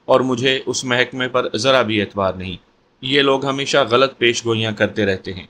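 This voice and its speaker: A man reading an excitable young woman. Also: mid-range voice, a little hiss or hum, close to an everyday voice. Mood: teasing. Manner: excitable, exclaiming.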